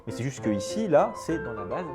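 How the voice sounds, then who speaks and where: A man's voice: mid-range voice, sing-song, a little fast, loud music behind the voice. A man teaching a maths lesson, explaining step by step straight to his students and openly marvelling at the results, with casual fillers. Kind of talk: classroom-style lecture.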